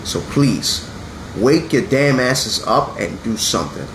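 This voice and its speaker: Speaking slowly with vocal fry, this wrestling podcast host has a medium-pitched, animated voice and sounds stuffed up from a sinus infection. He's in his thirties, earnest and blunt, and he swears when riled. There's an echo in the room and a faint hum.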